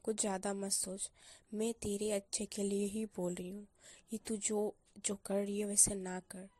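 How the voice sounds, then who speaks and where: Brief: woman storyteller as a firm, coaxing college-girl best friend giving tough advice, mellow voice, dry close sound. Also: medium pitch, level tone, moderate pace, no echo, lightly acted. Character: young female college student, a caring blunt best friend. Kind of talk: storyteller voicing a character.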